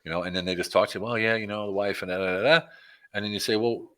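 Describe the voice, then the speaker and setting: A man from Pennsylvania talking quickly in a bright, forceful, somewhat low voice. He tells stories in a casual interview, acting out little conversations along the way. His delivery stays loose and animated. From Pennsylvania, USA. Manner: animated storytelling, acts out conversations. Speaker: guest, business consultant.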